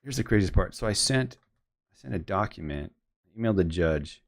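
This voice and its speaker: A man's voice: low voice, animated, brisk. A man talking casually as he edits photos, telling a long story in a rambling way and narrating his editing steps aloud. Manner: rambling, retells conversations with quoted voices. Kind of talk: casual storytelling while working.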